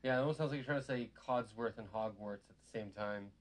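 A man's voice: fairly low pitch, quick pace. A man hosting a casual chat, talking in rambling, meandering sentences.

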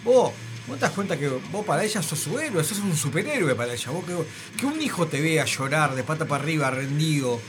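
A man's voice: fairly high pitch, expressive, fairly quick, hardly any pauses, over music. A man hosting a radio show, telling a story in a rambling, emphatic way with lots of filler words. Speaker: radio host. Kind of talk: casual radio banter.

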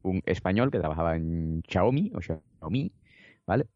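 A man's voice: deep voice, expressive, moderate pace, dry recording. A man co-hosting a podcast, chatty and enthusiastic. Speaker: podcast co-host. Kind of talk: casual podcast chat. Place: home, over a Skype call. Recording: dry, slightly dull call audio.

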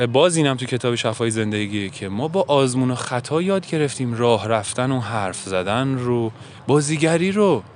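A man's voice: mid-range voice, slight background noise. A man speaking in a reflective monologue, earnest and musing, often asking himself questions. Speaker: self-help podcaster.

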